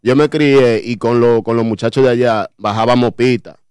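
A Dominican man in his thirties, a guest artist, chats humbly in a radio studio for a casual interview, with lots of fillers and restarts in his Dominican Spanish accent. His mid-range voice is a little mellow, clear and resonant, fairly even in intonation at a normal speed, captured on a desk mic with headphones and no room sound.

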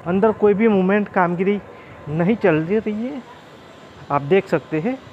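A man's voice: sits high, measured pace, lo-fi sound. A man, narrating a casual railway travel vlog from a moving train and addressing viewers as friends. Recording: faint vehicle noise.

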